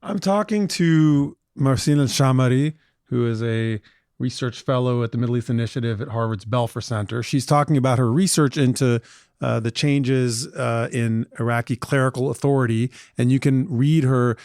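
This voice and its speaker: A man's voice: mid-range voice, a little mellow, dry recording, clean studio sound. A man hosting an interview podcast who introduces his guest and asks questions, hesitating often with "uh". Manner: halting, many "uh" fillers. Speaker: podcast host.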